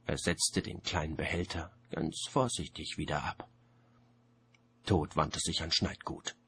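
A man narrating a story in a measured storytelling manner. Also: very deep voice, a bit bright, breathy edge. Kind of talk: audiobook narration.

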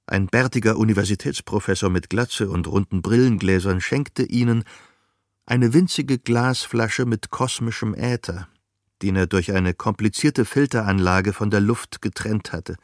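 A man narrating a novel as an audiobook in a measured, even storytelling manner. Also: lowish voice, no room sound, clean studio sound. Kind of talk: scripted narration.

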